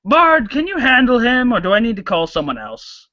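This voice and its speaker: Lively game master narrating a tabletop game. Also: mid-range voice, lo-fi sound. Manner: lively, halting narration with restarts and chuckles.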